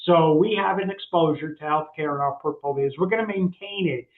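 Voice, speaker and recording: A man with a fairly high voice talks through market sectors in a casual, halting way, full of fillers and restarts. He sounds thin and phone-like, with a roomy echo around him. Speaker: co-host, financial advisor.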